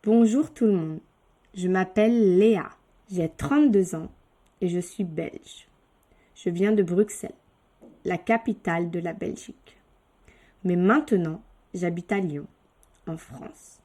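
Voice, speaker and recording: A woman with a mellow, warm voice reads a short beginner text for language learners. She takes each word carefully and articulates it clearly, stopping now and then for a quick explanation, like a teacher guiding a class. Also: lowish voice. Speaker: French teacher. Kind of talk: reading a beginner lesson text aloud, with asides.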